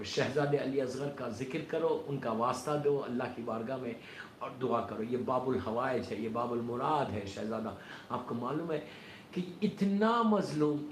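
A man preaching a Shia majlis sermon, reciting a mourning lament and then leading supplications with impassioned fervor. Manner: impassioned, rising to a wailing cry in the lament. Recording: roomy echo with faint rumble.

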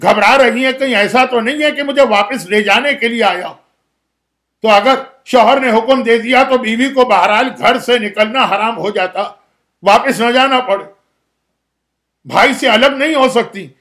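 A man's voice: extremely high pitch, a bit bright. A man preaching a mourning sermon as an impassioned, dramatic storyteller.

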